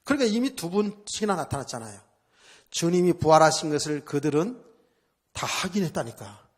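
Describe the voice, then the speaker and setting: A man's voice: on the high side, sing-song, brisk, breathy edge. A male pastor preaching a sermon at a church service, in a conversational style, asking the congregation rhetorical questions and repeating phrases for emphasis.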